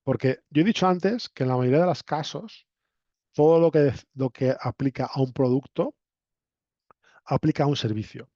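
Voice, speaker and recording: In a roomy, echoing, lo-fi recording with a dull sound, a Castilian-accented man from La Mancha, Spain teaches his university students. His voice is dark and medium-pitched at a normal pace, and his style is chatty and instructive, punctuated by short tag questions.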